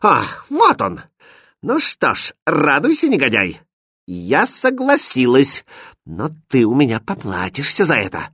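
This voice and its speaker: A man's voice: mid-range voice, big pitch swings, normal speed, hardly any pauses, sharp tone, slightly rough, no echo, studio quality, heavily acted. A man voicing a haughty, furious young princess in a storybook reading, commanding and scornful. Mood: angry. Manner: angry, commanding.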